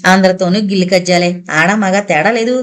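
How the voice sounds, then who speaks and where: A woman's voice: lowish voice, fairly quick, close to an everyday voice. A woman narrator voicing a scornful, grumbling maidservant in a spoken novel.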